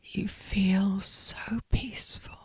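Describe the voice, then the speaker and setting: A woman narrating a scripted sleep story as a guided meditation, in a breathy, hushed, soothing whisper. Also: mid-range voice, little pitch movement, slow pace, no room sound.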